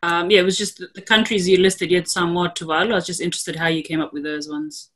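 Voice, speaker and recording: Lowish-voiced woman judge asking questions. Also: level tone, fast talker, a bit bright.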